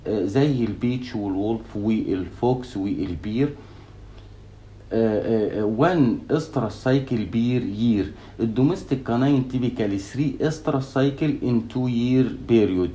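A man with an Egyptian Arabic accent teaches at a brisk clip, slipping English technical terms into his Arabic. His voice sits low and mellow. He often pauses on a question and answers it himself. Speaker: veterinary anatomy lecturer. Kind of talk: recorded lecture.

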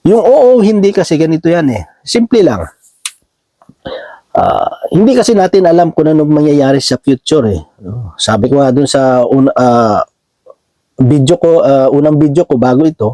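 A man teaches from the Bible in a relaxed, conversational manner, pausing to check in with his listeners as he goes. His voice sits a little high for a man but has a mellow, darkish tone. The recording is close and dry, with no room sound. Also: no room sound, poor audio. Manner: conversational, often ends phrases with "no?" and reads verses slowly. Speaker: preacher. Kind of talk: Bible teaching, casual sermon.

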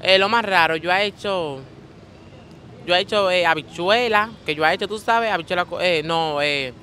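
A woman's voice: fairly low pitch, moderate pace, a bit bright, slight background noise. A woman with a Dominican accent, talking flamboyantly in a casual street interview and calling everyone "mi amor".

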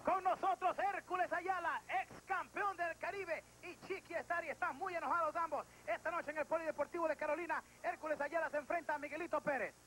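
Very high-pitched male wrestling show host. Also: fairly even intonation, brisk, hardly any pauses, low-quality recording. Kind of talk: event promotion and interview. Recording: old TV tape with music.

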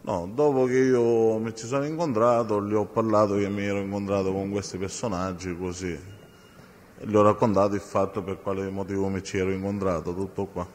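A man's voice: on the low side, level tone, fairly quick, darkish tone. A man testifying in a courtroom, giving short, terse answers under questioning. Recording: echoey courtroom with long reverb.

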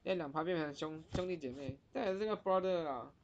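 Woman teaching pronunciation, slow repeats. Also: lowish voice, slight background noise. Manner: repeats words slowly, drawing out sounds. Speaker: Japanese teacher. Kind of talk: pronunciation lesson. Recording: dull lo-fi recording.

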